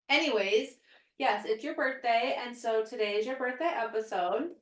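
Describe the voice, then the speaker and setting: A woman's voice: on the high side, animated, a little slow, recorded from a distance. Roomy-sounding woman host, chatty and giggly. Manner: chatty, laughs often, swears casually. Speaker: podcast host asking questions. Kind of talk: casual chat. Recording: roomy echo, voice set back from the mic.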